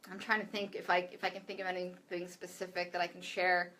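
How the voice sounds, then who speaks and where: A woman's voice: fairly low pitch, little pitch movement, fast talker, sharp tone. A woman mentor talking casually to camera, candid and profane, full of filler likes. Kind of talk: casual direct-to-camera talk.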